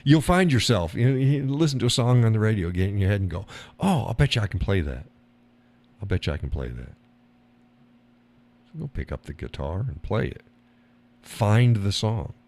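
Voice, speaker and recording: A low-pitched man talks casually on his own live stream. He is blunt and rambling, curses freely, laughs between remarks, and jumps up high to mimic other people. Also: expressive, normal speed, pauses often, a little mellow.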